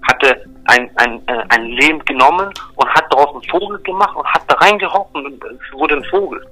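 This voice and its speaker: Emphatic bright-voiced man explaining faith. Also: a little high, fairly quick, rough recording. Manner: emphatic, repetitive, checks in with "ja?" and "verstehst du?". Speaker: religious explainer. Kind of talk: earnest one-on-one religious explanation.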